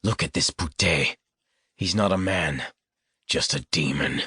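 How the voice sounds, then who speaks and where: A man's voice: deep voice, takes it slowly, pushed and bright, slightly rough, no room sound, studio quality, exaggerated voice. A man reading an audiobook, voicing a brutal, vengeful male rebel who talks in a cold, menacing way. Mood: ranting.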